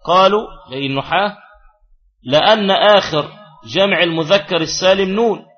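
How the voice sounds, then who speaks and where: A man's voice: sits high, moderate pace, highs cut off. A man teaching a classical grammar lesson, who repeats key phrases and puts questions to his students.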